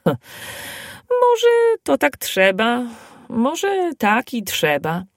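A woman voicing a bold, excitable male dwarf who talks loudly and emphatically in a storybook reading. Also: a little high, extremely slow, no room sound, studio quality, voice pushed up, full character voice. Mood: resolute. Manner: loud, emphatic and indignant.

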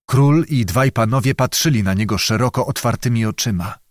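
A man narrating an audiobook in a measured, dramatic storytelling manner. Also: mid-range voice, dry recording, studio quality. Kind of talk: scripted narration.

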